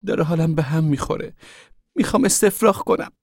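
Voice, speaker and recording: A man's voice: on the high side, darkish tone, dry recording, clean studio sound, pitched above the performer's own voice. Sulky queasy young woman, put on by a man. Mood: whiny, sickly.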